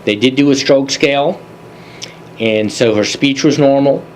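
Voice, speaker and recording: A man presenting a continuing education review of emergency calls, relaxed and conversational with dry asides. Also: medium pitch, measured pace, a little hiss or hum, rough recording. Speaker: EMS medical advisory presenter. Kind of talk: case review lecture.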